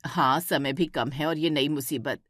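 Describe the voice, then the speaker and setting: A woman voicing a stern, scolding middle-aged mother-in-law in a cartoon story, firing sharp questions at her daughter-in-law. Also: deep voice, steady tone, unhurried, no room sound, clean studio sound.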